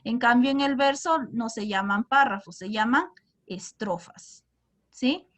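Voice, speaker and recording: A woman's voice: on the high side, unhurried, a bit bright. A young woman teacher, explaining to her class and asking them questions often. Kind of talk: classroom lesson.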